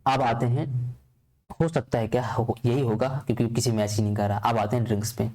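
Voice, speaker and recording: Guy walking through coding-decoding questions, asks himself stuff and answers it, mellow voice. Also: medium pitch, fairly quick. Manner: asks and answers his own questions in a steady, repetitive way. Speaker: teacher. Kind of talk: exam-prep lesson explaining a reasoning puzzle.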